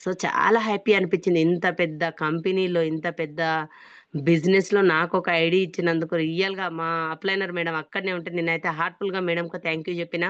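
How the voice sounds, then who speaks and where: A woman's voice: fairly low pitch, fairly even intonation, fast, no room sound. A woman with a Telangana accent gives a motivational business testimony in an earnest, emphatic way. She often stresses her own sincerity. The recording is dry and dull, with a lo-fi muffled tone. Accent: Telangana Telugu. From Hyderabad, India.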